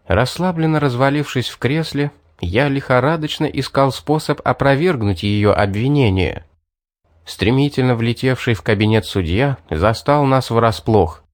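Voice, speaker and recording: A man reads a first-person fantasy audiobook in a measured, even storytelling voice at a middle pitch. The recording is close-miked and bone dry, with no room sound at all. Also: dry recording. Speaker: audiobook narrator.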